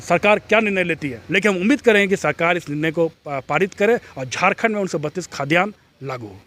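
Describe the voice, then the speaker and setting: Man, slightly high voice, earnest, explanatory, interview answer. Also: lively intonation, fast, fairly bright tone. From Jharkhand. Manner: earnest, explanatory, with frequent restarts. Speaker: activist interviewee.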